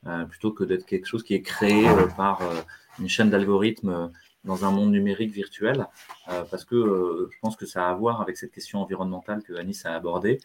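A man replying in a debate, measured and pausing with frequent fillers. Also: low voice, steady tone, a little hiss or hum. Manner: measured, many hesitation fillers. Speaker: debate panelist.

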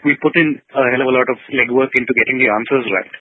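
A man talks through a podcast interview in a middle-pitched voice, stopping and restarting his thoughts with many fillers. The sound is thin and narrow, as if heard over a phone line. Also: fairly even intonation, rapid-fire, slightly rough, no echo. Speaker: journalist guest. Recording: tinny phone-like audio.

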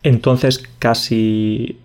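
Guy in his 20s from catalonia, podcast cohost, chatty, teaches phrases nice and slow. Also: mid-range voice, flat delivery, darkish tone, clear, resonant tone. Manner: patient, teaching phrases slowly. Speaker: podcast co-host. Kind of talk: casual podcast chat.

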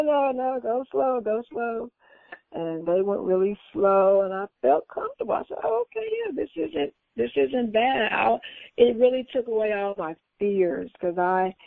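A woman with a mid-range voice casually recounts her knee recovery as a patient, acting out what people told her in a raised, animated voice with vivid jumps. The recording is dry, with tinny phone-line audio.

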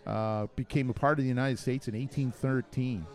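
A man's voice: mid-range voice, fairly even intonation, brisk. A man co-hosting a casual chat, reading facts aloud and trading cheesy pickup lines. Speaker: co-host.

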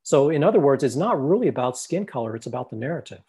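Husky-voiced American man, earnest. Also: medium pitch, sing-song, quick pace, mellow. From United States. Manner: earnest, stammering repetitions.

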